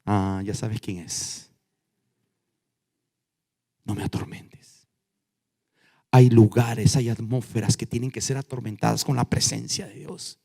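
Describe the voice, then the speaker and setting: A male pastor preaching a sermon, swinging from loud emphatic lines down to hushed ones. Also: medium pitch, steady tone, normal speed, creaky. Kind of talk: Spanish-language sermon. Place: church. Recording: long church reverb.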